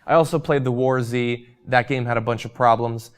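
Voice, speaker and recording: A man's voice: mid-range voice, steady tone, moderate pace, clean tone. A young man hosting a show and chatting casually through viewer comments, losing his voice, with frequent ums and uhs. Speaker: host.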